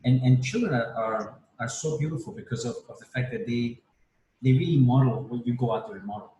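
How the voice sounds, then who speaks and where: A man in his fifties from Spain joins a casual group video chat as a panel guest, speaking reflectively with frequent restarts and tag questions such as "right?". His voice is mid-pitched, mellow, and fairly quick, picked up by a distant mic in a roomy space with faint background noise.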